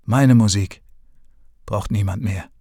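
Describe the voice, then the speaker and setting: Casting: Mann als erschöpfter alter Drehorgelspieler im Kinderhörbuch, gedämpft, trocken aufgenommen. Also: male voice, fairly low pitch, takes it slowly, mellow, no echo, clean studio sound. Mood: weary. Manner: weary, subdued. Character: old, tired, sad organ-grinder man.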